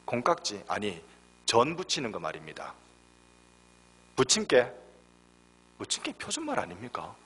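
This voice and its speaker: Animated Gyeongsang-accented male preacher in a reverberant hall. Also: lowish voice, a little slow, pauses often, breathy edge. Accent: Gyeongsang Korean. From Daegu, South Korea. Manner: animated storytelling, acts out voices, rising to emphatic peaks. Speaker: guest pastor. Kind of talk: sermon. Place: church sanctuary.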